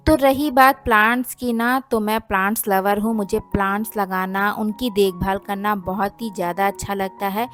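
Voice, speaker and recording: Homemaker vlogger, woman in her thirties, chatty and homely, mid-pitched voice, soft music bed. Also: fairly even intonation, normal speed, hardly any pauses. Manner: chatty, homely, explains at length with many fillers. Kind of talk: casual vlog narration.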